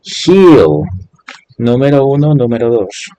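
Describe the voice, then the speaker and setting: A man's voice: mid-range voice, sing-song, takes it slowly, mellow, slight background noise. A man teaching an English class in Spanish, patiently explaining and repeating each example step by step. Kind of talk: online class instruction.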